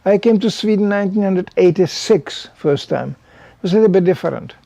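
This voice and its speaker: Older guy giving a chatty sermon, says you know a lot, kinda high but mellow voice, dry sound. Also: a little fast, gravelly, no echo. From Czechoslovakia. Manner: conversational, animated, frequent "you know". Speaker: preacher. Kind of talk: sermon to a small gathering.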